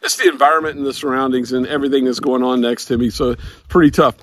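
An older American man, an amateur radio operator and video host, chats casually while hosting an outdoor hobby vlog in a backyard garden. His mid-range voice is fairly even in intonation and quick, with no echo. The outdoor recording picks up clear background noise.

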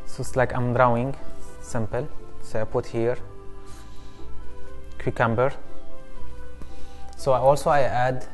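A chef in his thirties giving a cooking demonstration in a studio kitchen, explaining each step in simple, halting English. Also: mid-range voice, flat delivery, soft background music. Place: studio kitchen set, indoors.

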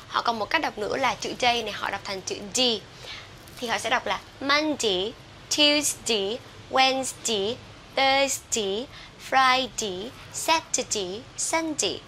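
A Vietnamese woman with a Vietnamese accent giving an English pronunciation lesson, drawing out model words slowly between quick explanations. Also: fairly high pitch, fairly even intonation, pushed and bright, slight background noise. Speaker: English teacher.

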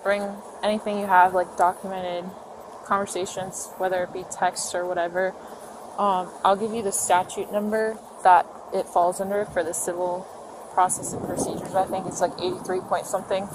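A woman police officer explains the next steps in a calm, procedural and reassuring manner. Her voice sits at a mid pitch. Loud outdoor noise and traffic come through the body cam recording. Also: normal speed. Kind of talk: on-duty conversation.

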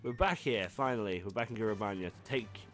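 A man's voice: lowish voice, brisk, fairly bright tone, soft background music. A man playing a video game with a co-player, commenting casually and reading dialogue aloud, with plenty of restarts and the odd swear. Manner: rambling, self-correcting, swears casually. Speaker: let's play host.

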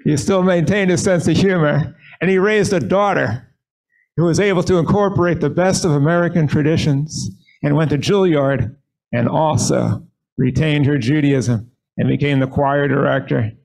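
Speaking at a lectern microphone in a sanctuary, a man serving as rabbi leads the service and relates a short story in an earnest, measured tone. His voice is on the high side with vocal fry and a darkish tone, and the audio is poor.

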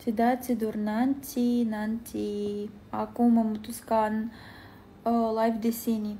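A sleepy woman, chatting at a slow, unhurried pace on a phone livestream. Her voice sits a little high. She halts often with drawn-out fillers as she searches for words, sounding worn out. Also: flat delivery, mellow, a little hiss or hum. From Belarus. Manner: halting, searching for words, many pauses with "eh". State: tired and sleepy. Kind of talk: casual livestream chat answering comments.

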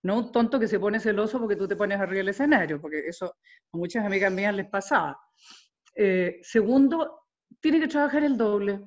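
Older woman, Chilean accent, mid-pitched, repeats words, casual interview, lo-fi muffled sound. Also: brisk. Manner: animated, repeats words while gathering thoughts. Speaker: interviewed singer. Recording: dull lo-fi sound.

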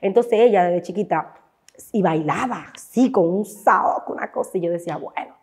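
A woman's voice: fairly low pitch, moderate pace, a little mellow, husky. A woman with a Dominican accent, a guest on a talk show, telling her personal story with emotion and acting out remembered voices. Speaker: guest, content creator.

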